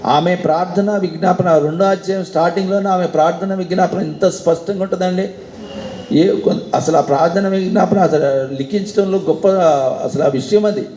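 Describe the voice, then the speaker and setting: A male pastor preaching a sermon, animated and full of rhetorical questions to the congregation. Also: sits high, brisk, slight background noise. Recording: echoey hall with faint ambience.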